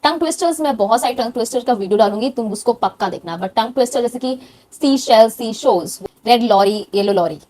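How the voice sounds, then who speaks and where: A woman's voice: fairly high pitch, fast talker, few pauses, a little mellow. A young woman with a direct, encouraging manner, giving casual tips as a cabin crew interview coach. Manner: direct, encouraging, addresses viewer informally. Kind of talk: casual instructional talk.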